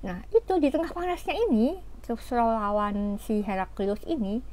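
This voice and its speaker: In a low-quality recording, a woman with a fairly high, slightly mellow voice gives an informal history lecture at a moderate pace. She tells the story conversationally, tossing in rhetorical asides.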